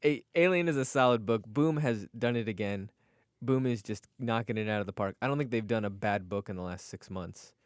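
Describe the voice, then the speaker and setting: A man's voice: lowish voice, brisk, clean tone, no room sound, studio quality. A man co-hosting a comic book podcast, chatting loosely with lots of laughs and swearing. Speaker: podcast co-host. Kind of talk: casual chat.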